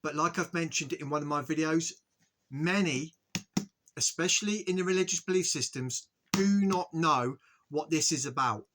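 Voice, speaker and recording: A man giving an earnest, halting spiritual monologue to his viewers, often stopping to ask "okay?" and restarting his sentences. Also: a little high, fairly bright tone, slight background noise. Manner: earnest, repetitive, frequent "okay?" check-ins. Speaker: spiritual video host.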